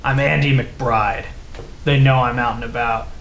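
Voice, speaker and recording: A man voicing a huge, half-mad man who gives gruff, urgent, ominous warnings in a tabletop game. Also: medium pitch, steady tone, unhurried, fairly bright tone. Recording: roomy echo with faint background noise.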